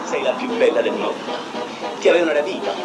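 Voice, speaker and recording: A man's voice: mid-range voice, animated, fast, over loud music, close to an everyday voice. An actor playing a man fussing tenderly over his beloved car, cooing at it, in a noisy old film soundtrack. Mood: doting.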